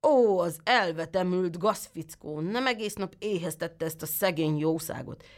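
A woman voicing a suspicious, quick-tempered old male tailor who scolds with sharp exclamations. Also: fairly low pitch, close to an everyday voice. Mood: angry.

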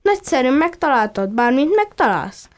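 A woman's voice: high voice, big pitch swings. A woman voicing a playful, cheeky little duckling who chatters eagerly and teases.

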